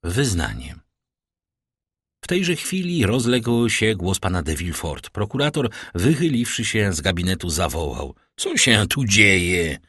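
A man narrating a novel as an audiobook with expressive storytelling delivery. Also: deep voice, unhurried, husky, dry recording, clean studio sound.

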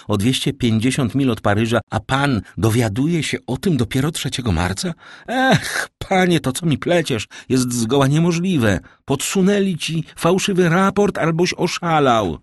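A man voicing an indignant aging king who gives commands and sharp rebukes in an audiobook reading. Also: mid-range voice, normal speed, hardly any pauses, dry recording, clean studio sound, pitched above the performer's own voice, natural voice. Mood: outraged. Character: indignant aging king, imperious and quick to anger.

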